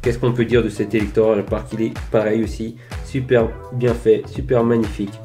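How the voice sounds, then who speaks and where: In a casual collector vlog filmed indoors under lamps, a man enthusiastically presents flea-market finds, peppering his talk with fillers and "voilà." His voice is lowish and dark, level in tone at a moderate pace, picked up by a desk mic near the camera with faint music behind.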